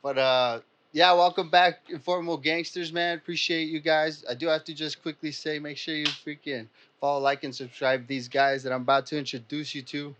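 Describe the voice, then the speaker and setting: A man's voice: a little high, steady tone, moderate pace, hardly any pauses, a bit bright, muffled recording. A man hosting a casual podcast chat, loose and joking, laughing often. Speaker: podcast host.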